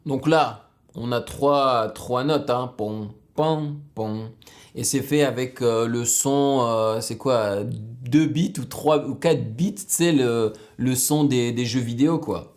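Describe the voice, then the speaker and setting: A man giving casual, excitable reaction commentary on a music video, explaining the production as he goes. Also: medium pitch, slow pace. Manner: excitable, bursts into exclamations.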